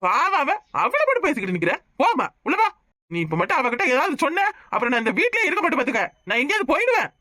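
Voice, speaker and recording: A woman's voice: high-pitched, very animated, quick pace, pushed and bright, no room sound, clean studio sound, exaggerated voice. A woman voicing an impatient young village man who scolds his mother, in a cartoon with a southern Tamil accent. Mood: exasperated. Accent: southern Tamil, Tirunelveli.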